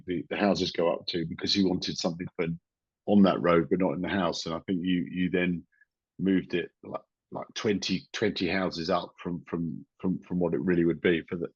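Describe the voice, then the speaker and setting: A middle-aged man with a low, husky voice walks through how things work, stopping and restarting his sentences. He sounds dry and close, and the video call audio is dull and lo-fi. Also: no echo. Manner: explanatory, many small restarts. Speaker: retired police officer and crime writer. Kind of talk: casual video interview.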